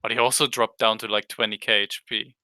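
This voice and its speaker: A man's voice: fairly low pitch, level tone, fairly quick, bright, forceful tone, clear, resonant tone, no room sound. A man chatting casually over voice chat about a game raid, laid back and laughing often. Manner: laid-back, chuckling gamer talk. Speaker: tank player in a raid group.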